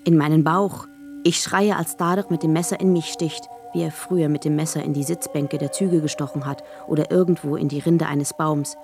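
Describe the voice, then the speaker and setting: A woman's voice: sits low, fairly even intonation, music in the background. A wounded, desperate young woman. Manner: halting, short fragmented phrases. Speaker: first-person narrator of a radio drama. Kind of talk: scripted radio drama monologue.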